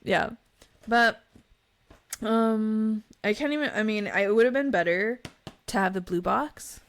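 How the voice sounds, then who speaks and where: A woman's voice: fairly high pitch, measured pace. A woman co-hosting a podcast in casual chat, talking into a microphone, often trailing off mid-sentence and laughing. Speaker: podcast co-host.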